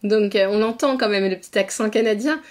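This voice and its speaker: A woman from northeast France hosts a podcast, conducting a casual, conversational interview in an easygoing manner. Her mid-range voice moves a little fast, and she often murmurs in agreement.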